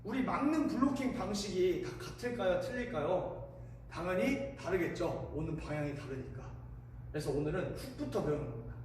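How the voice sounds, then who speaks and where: A man's voice: high-pitched, lively intonation, fairly quick, a little mellow. A man coaching boxing like a gym coach, calling out counts and commands and explaining technique in an instructional way. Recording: echoey room, distant mic, faint noise.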